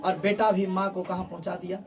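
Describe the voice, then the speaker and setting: A woman teacher, retelling a story to her students in an animated way, often repeating phrases and calling on them to listen. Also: fairly low pitch, a little fast, distant mic, a crowd in the background.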